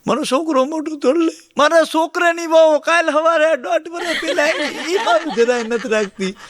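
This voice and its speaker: Man doing troubled housewife, pleading, complaining, very high. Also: normal speed, a bit bright, dry recording, clean studio sound. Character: troubled middle-aged housewife pleading with a priest.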